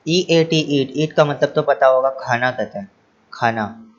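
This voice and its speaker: A man's voice: mid-range voice, measured pace, lo-fi sound. A male teacher explaining English action words to children. He spells each word letter by letter, then repeats it, translates it and asks the class rhetorical questions.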